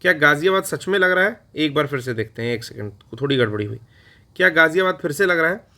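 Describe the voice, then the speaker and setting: A man's voice: on the high side, animated, fast talker, sharp tone. A man teaching an exam-prep lecture, chatty and playful, answering his own questions in a mock student voice. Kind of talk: recorded online lecture.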